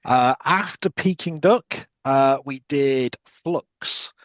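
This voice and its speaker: A British man hosts a relaxed podcast, rambling through his explanations with frequent ums. His mic sounds a bit dull and lo-fi. The room is dry, with no echo. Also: medium pitch, slow pace. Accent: British English. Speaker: podcast host. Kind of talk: casual chat.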